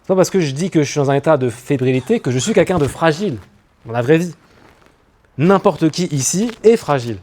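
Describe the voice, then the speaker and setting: A man coaching an audience on public speaking, talking in a lively, animated way with spoken asides. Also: a little high, brisk. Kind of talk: talk to an audience on stage. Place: room with an audience.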